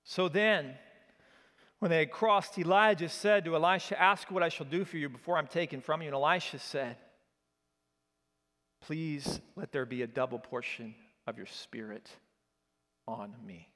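Pastor guy, kinda high voice, big echoey church hall, gets fired up telling the story. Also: normal speed, pauses often. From Oklahoma. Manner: animated storyteller, rises in pitch and energy when excited. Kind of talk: sermon. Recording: long reverb of a church hall.

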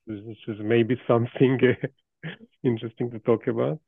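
A man's voice: medium pitch, steady tone, creaky, breathy edge, dry recording. Hungarian-accented man on a tinny line. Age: 50s. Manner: thoughtful, halting, many restarts and soft laughs. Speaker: AI researcher, guest. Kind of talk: casual interview talk. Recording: dry tinny call audio.

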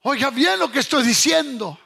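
A man preaching a sermon, emphatic, repeating his points and asking the listeners if they hear him, sometimes shouting and half-singing phrases. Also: extremely high pitch, lively intonation, normal speed, gravelly.

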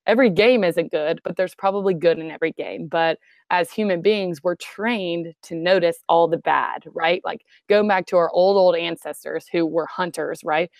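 Woman in sports psychology, conversational, slightly low pitch, dry close sound. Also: normal speed, dry recording. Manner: chatty, frequent "um" and "right?". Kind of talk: conversational explanation.

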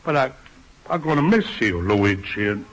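A man's voice: lowish voice, expressive, normal speed, a bit bright. An actor playing a scheming, sentimental Italian immigrant father who runs a restaurant, in a whiny, pleading manner with an Italian accent, in an old radio comedy. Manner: whiny, pleading like a big baby. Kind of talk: old-time radio sitcom acting. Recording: noisy old radio recording.

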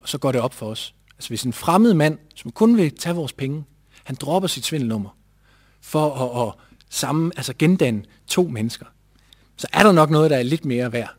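Male live storyteller, husky, animated retelling with quoted voices. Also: fairly high pitch.

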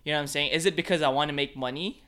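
Very fast and sharp-toned, with a fairly high pitch, a photographer from the Philippines talks casually and easily, leaning heavily on fillers like "like" and "man."

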